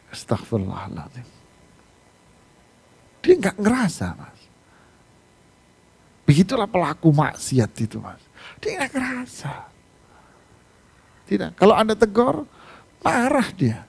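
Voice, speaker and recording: A man's voice: high-pitched, slow, vocal fry, pauses often, slightly rough. A man preaching a mosque sermon, telling stories and asking rhetorical questions. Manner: animated storytelling with rhetorical questions. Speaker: Islamic preacher. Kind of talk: mosque sermon on Quran exegesis.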